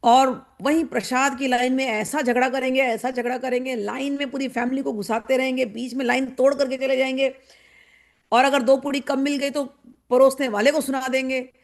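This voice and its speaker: A woman spiritual teacher speaks in a high voice with a gravelly fry at its edges. Her devotional discourse is animated and wry. She mimics showy behaviour to mock it. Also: moderate pace. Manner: wry, mocking.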